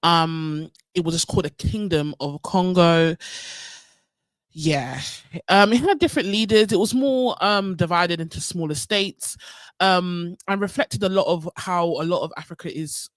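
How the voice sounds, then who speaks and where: A woman's voice: fairly low pitch, a little slow, no echo. A young woman from North London with a London accent, hosting a casual live history talk, chatty and full of ums and asides to her viewers. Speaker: livestream host.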